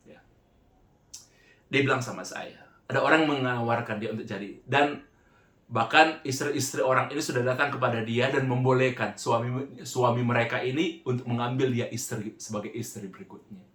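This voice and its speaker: A man's voice: medium pitch, moderate pace, a bit bright, echoey room. A man preaching a sermon, telling a story with feeling and often breaking off and restarting his words. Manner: emotional, keeps addressing listeners as "saudara".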